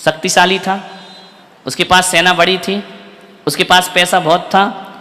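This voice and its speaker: A man with a high, very bright, cutting voice preaches as a monk, carrying the hall with a lively, storytelling delivery. He keeps throwing rhetorical questions at the crowd. The sound trails off in a long hall reverb. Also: unhurried. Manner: fires rhetorical questions at listeners, animated storytelling. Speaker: Jain monk giving a discourse. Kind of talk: sermon retelling an epic to a live audience.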